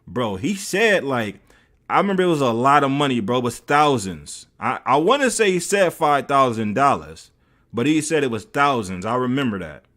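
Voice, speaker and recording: A man's voice: mid-range voice, sing-song, moderate pace, a bit bright. An American man streaming, loosely retelling a story with many fillers. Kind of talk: casual storytelling.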